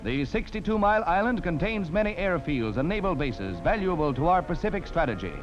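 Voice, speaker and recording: High, lively 1940s newsreel announcer man. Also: brisk. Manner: emphatic, declamatory announcer delivery. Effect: old 1940s newsreel soundtrack. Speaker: newsreel narrator. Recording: dull lo-fi old film soundtrack with music. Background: music score.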